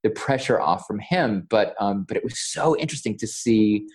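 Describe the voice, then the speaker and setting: A man's voice: fairly low pitch, lively intonation, normal speed. A man, a voiceover coach, chatting as a podcast guest and retelling a mishap with lots of stammers and quoted dialogue. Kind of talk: casual interview storytelling.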